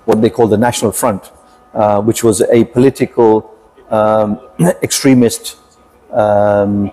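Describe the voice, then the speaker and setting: Mellow, measured man in his fifties. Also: on the low side. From United Kingdom. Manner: measured, reflective storytelling with frequent pauses. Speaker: podcast guest, entrepreneur. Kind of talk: podcast interview.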